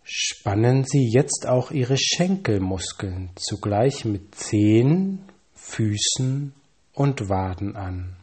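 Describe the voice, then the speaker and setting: A man calmly reading scripted guided relaxation instructions, with measured pauses and slow counting. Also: lowish voice, breathy edge.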